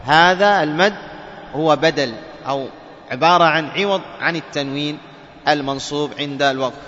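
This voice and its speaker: A man teaching Quran recitation rules. He keeps checking "clear?" with his students and chants example words slowly. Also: on the high side, a bit bright. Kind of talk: tajweed lesson. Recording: dull recording with long hall reverb and faint ambience.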